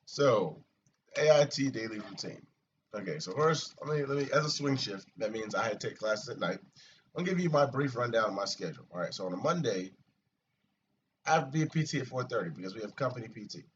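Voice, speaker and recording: A man's voice: lowish voice, fairly quick. A man chatting casually and at length about his army routine, swearing often and venting, recorded from a distance with muffled sound. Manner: rambling, profane and animated. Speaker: soldier vlogger. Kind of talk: casual chat. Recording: distant, muffled mic with light hiss.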